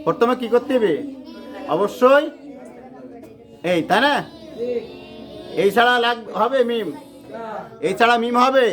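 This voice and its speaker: A Quran teacher, slowly drilling a class on letter sounds and urging them to repeat louder. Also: mid-range voice, over music. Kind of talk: classroom lesson on letter pronunciation. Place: noisy classroom with students. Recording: noisy classroom with crowd chatter.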